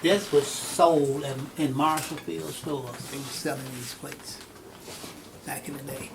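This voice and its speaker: Gravelly man, matter-of-fact. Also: mid-range voice, fairly even intonation, unhurried, echoey room, distant mic. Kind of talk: casual chat. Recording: background noise.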